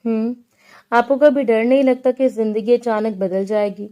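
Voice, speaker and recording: A woman's voice: fairly high pitch, steady tone, natural voice. Woman reading as a shy, playful young wife. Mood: gentle. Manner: soft, gentle and playfully teasing. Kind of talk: audiobook character reading.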